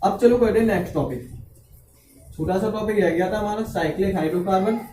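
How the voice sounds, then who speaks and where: Man teaching in a high voice. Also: brisk, warm tone, roomy sound, recorded from a distance, slight background noise. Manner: checks understanding with frequent "clear?" and "okay". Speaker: chemistry teacher. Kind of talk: classroom lecture.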